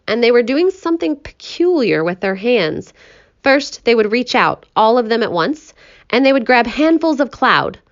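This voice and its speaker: A woman narrating a children's story aloud in an expressive, animated way. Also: on the high side, lo-fi sound.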